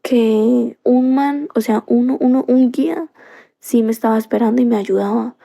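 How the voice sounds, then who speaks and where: A woman's voice: on the high side, normal speed, creaky, mellow. A woman from Colombia, earnestly telling a personal story on a live stream into a phone, circling back with many fillers.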